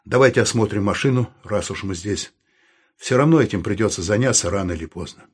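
A man reading a careful, thoughtful man with a husky voice. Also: lowish voice, brisk. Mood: calm. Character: careful, analytical man, calm and tactful. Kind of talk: audiobook character reading.

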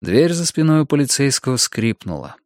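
A man reading a crime novel aloud as an audiobook narrator, in a measured, even storytelling delivery. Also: mid-range voice, no room sound, studio quality.

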